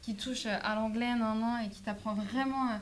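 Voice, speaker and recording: A teenage girl, a high school student, answering interview questions in a chatty way, full of fillers and restarts. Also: steady tone, brisk. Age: teens.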